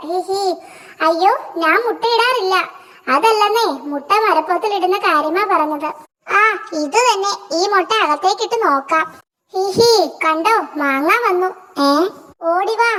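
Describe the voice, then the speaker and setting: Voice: very high-pitched, bright, forceful tone. A performer voicing cheeky, scheming cartoon jungle animals in a playful, giggling, sly way. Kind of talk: cartoon voice acting.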